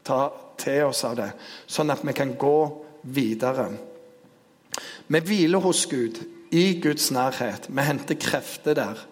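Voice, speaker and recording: Man preaching in a reverberant hall. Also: medium pitch. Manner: storytelling, grows animated and loud in the retelling. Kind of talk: sermon.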